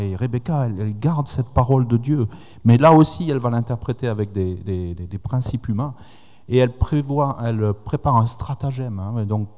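A man's voice: medium pitch, darkish tone. A man preaching a sermon, retelling scripture with quoted dialogue and putting questions to the congregation. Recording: long hall reverb.

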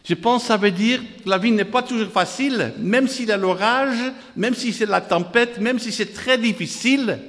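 A Dutch-accented man from the Netherlands preaches a sermon in a long hall reverb, reading scripture aloud in quotes and repeating phrases in lists as he calls out to the congregation. His voice sits high and fairly bright, at normal speed with hardly any pauses.

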